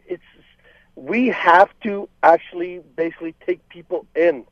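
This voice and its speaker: A man's voice: high voice, unhurried, dry recording. A man from Lebanon calling in to a radio talk show, earnest and talking over the host. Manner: earnest, talks over the host, many restarts. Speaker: caller. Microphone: phone line. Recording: dull phone line.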